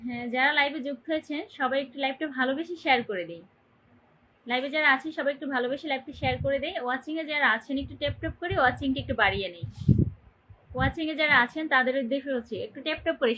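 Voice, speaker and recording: A young livestream host from Barisal, Bangladesh, talks very fast in a high, pushed, bright voice over a rough recording. Chatting casually from her phone, she greets viewers by name and cheerfully encourages them to comment and share.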